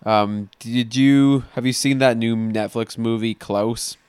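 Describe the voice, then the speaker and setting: Smooth low-voiced man, dry sound. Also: fairly even intonation, slow, darkish tone, no echo. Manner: hesitant, lots of ums and likes. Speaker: podcast co-host. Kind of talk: casual chat.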